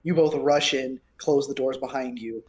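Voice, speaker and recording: A man narrating a tabletop game as game master, relaxed, with frequent fillers. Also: mid-range voice, moderate pace.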